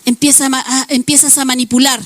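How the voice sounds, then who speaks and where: Woman pastor, sermon, fairly high voice, everyday examples, acted quotes. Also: flat delivery, fast talker.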